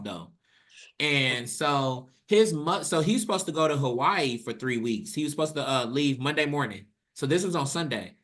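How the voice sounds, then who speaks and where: A young man on a casual podcast tells a story, cursing freely and jumping his voice up high whenever he quotes someone. His tone is bright and forceful, and it sits a little higher than most men's. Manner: animated, profane, acts out quotes with rising pitch. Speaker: podcast co-host.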